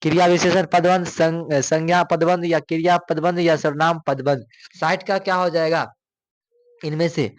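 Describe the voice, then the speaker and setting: A man's voice: on the high side, steady tone, moderate pace, no echo. A male coaching teacher, running through exam questions, repeating each one and asking students for the answer.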